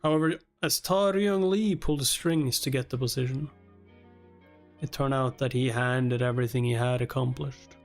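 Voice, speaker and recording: A man with a mid-range voice speaks at a moderate pace in a steady tone, with music playing behind him. He's livestreaming himself reading a webtoon aloud, reacting casually, chatting with viewers and swearing offhandedly.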